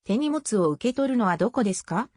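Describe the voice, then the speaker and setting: A woman reading short travel phrases in a crisp, even scripted delivery. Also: fairly high pitch, rapid-fire, background noise. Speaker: phrase reader.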